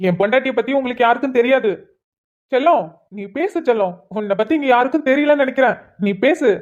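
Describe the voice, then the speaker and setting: A woman's voice: sits high, fast talker, voice pushed down, lightly acted. This is a doting young husband in a cartoon, with his voice pushed down, as a woman plays him. He sounds proud and affectionate, and the sound is a little dull.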